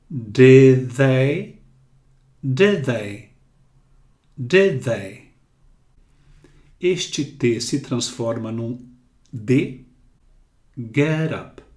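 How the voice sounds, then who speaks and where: Very slow, deliberate male teacher. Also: mid-range voice, echoey room. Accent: Brazilian Portuguese. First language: Portuguese. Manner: slow, deliberate, repeating words for drilling. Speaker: English teacher. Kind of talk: slow pronunciation lesson.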